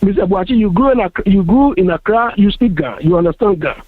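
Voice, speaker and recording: Speaking fast and animatedly in a high voice, a Ghanaian panel guest presses his argument on a radio discussion, earnest, emphatic and often repetitive. The sound is dry, tinny and phone-like, with no echo.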